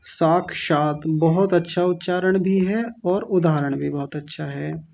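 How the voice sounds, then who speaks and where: A man's voice: fairly high pitch, fairly even intonation, gravelly, a little hiss or hum. Patient male teacher, dull recording. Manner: patient and gentle, repeats sounds slowly for children. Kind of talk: classroom pronunciation lesson.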